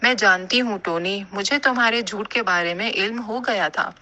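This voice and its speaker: A woman voicing a kind, motherly female pigeon in an animated cartoon, speaking gently and giving advice. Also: medium pitch, highs cut off, lightly acted. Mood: caring. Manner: gentle and advising.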